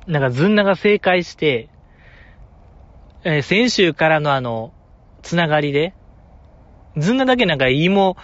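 A man with a Kansai accent talks alone, playful and exaggerated, full of joking asides. His voice sits a little high. The recording is dry and dull, a bit lo-fi. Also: a bit bright, no room sound. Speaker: fan commentator. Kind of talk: casual solo talk.

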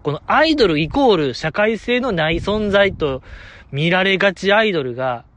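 A man's voice: sits high, expressive, moderate pace, a bit bright. A young man with a Kansai accent, hosting a solo chat show and rambling enthusiastically like a fan. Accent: Kansai Japanese. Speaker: podcast host.

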